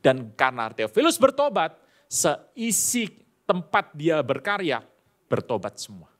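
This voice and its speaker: A middle-aged male pastor delivering a sermon, telling stories with animated, acted-out dialogue. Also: on the high side, unhurried.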